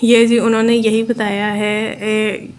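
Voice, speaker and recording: A woman from Pakistan with a Pakistani accent, giving a steady, explanatory lecture and repeating her points. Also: a little high, slow pace. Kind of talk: explaining a lesson in Urdu mixed with English terms.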